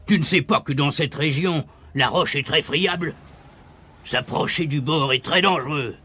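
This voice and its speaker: A man voicing a gruff, grumpy old grandfather bogeyman in a storybook reading, scolding and sneering. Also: a little high, moderate pace, sharp tone, voice pushed up. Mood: stern.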